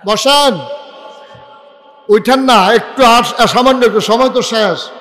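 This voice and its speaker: A male preacher with a high voice delivers a fiery storytelling sermon. He keeps shouting out for the crowd to answer him and throws in jokes, and a long reverb trails each phrase through the loudspeakers at an outdoor gathering. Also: takes it slowly.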